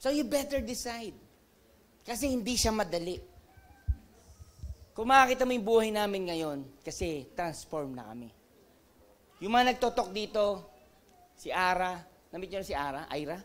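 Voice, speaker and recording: Lively Filipino man telling stories. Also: sits high, moderate pace, pauses often. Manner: animated storytelling, acts out dialogue with laughs. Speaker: network marketing company president. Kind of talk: motivational seminar talk.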